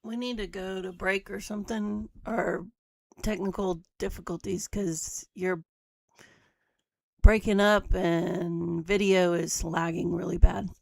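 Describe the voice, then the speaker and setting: A woman's voice coming through a video call, low and gravelly, with a slow, unhurried delivery. She talks in a practical, matter-of-fact way, like show staff working through a live broadcast. The sound is close and dry. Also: steady tone, dry recording. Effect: heard over a video call. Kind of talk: casual live-show chat.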